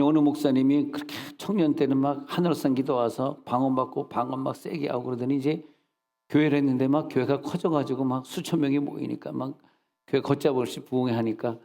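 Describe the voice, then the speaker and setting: A middle-aged man preaching in a church service, telling animated stories and scolding with mock insults. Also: medium pitch, fast, gravelly. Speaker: senior pastor. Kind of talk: sermon. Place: church sanctuary. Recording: long reverb of a church hall.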